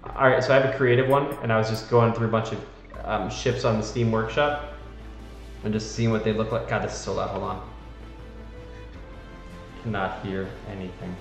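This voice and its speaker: A man's voice: lowish voice, steady tone, normal speed, long pauses, faint music behind. A man setting up a livestream who sounds like he is in a cave, chatting casually and muttering to himself while troubleshooting. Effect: cave echo. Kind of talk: casual chat while fiddling with stream settings. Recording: cavernous echoey dull lo-fi mic, faint background noise.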